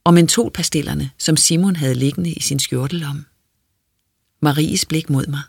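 In a close, dry recording, an audiobook narrator reads first-person prose quietly and in a measured way, with an introspective tone. The voice is mid-pitched and somewhat husky.

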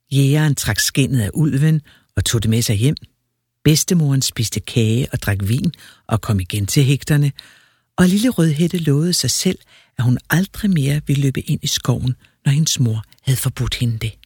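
A man reading a fairy tale aloud in a lively, expressive storyteller manner. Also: mid-range voice, breathy edge, dry recording, studio quality.

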